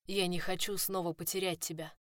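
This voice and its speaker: A woman's voice: fairly low pitch, flat delivery, fairly quick, dry recording, studio quality, close to an everyday voice. A woman voicing a desperate young man in love, pleading, in a first-person audiobook.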